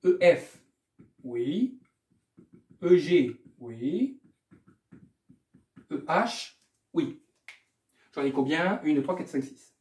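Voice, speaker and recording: A man's voice: on the high side, lively intonation, extremely slow, long pauses, darkish tone, reverberant. A man tutoring math, working through an exam problem aloud in a casual way, repeating himself and adding small asides. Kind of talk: explaining a math exam correction.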